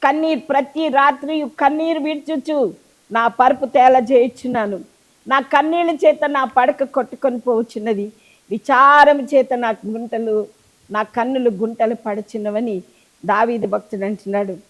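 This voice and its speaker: A woman's voice: fairly high pitch, fairly even intonation, moderate pace, rough recording. A middle-aged woman preacher giving a fervent, pleading sermon, repeating phrases for emphasis.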